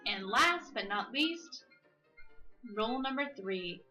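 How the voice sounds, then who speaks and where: A woman with a bright, crisp voice reads a story game's narration and dialogue aloud. She cracks jokes between lines and stretches out key words for comic effect. Faint game music plays beneath her. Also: a little high, animated, rough recording. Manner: playful, drawls dialogue slowly for comic emphasis. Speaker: let's play host. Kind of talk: reading a visual novel aloud with casual commentary.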